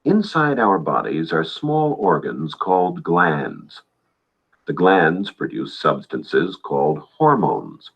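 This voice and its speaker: Deep, unhurried male narrator for a classroom health film; husky tone, lively rise and fall, muffled vintage soundtrack. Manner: calm, matter-of-fact explaining. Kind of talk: scripted educational narration.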